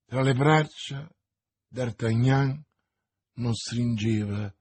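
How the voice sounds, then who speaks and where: A man reading a classic novel aloud as an audiobook narrator, in a slow, measured and dramatic way. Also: medium pitch, darkish tone, husky, no room sound. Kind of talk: scripted narration.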